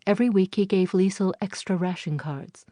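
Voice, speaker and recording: An audiobook narrator, a woman with a medium-pitched voice, reads a historical novel aloud from a script in a measured, even storytelling manner. The recording is clean studio sound from a close mic, with no room sound.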